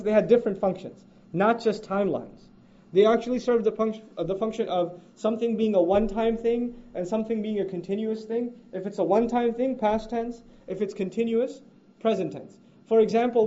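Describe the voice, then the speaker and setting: Guy teaching quran stuff, talks fast, kinda high voice but mellow, muffled lo-fi audio. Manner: recites Arabic verses rapidly, then explains in English. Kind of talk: explanatory lecture on Arabic grammar. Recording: dull lo-fi recording.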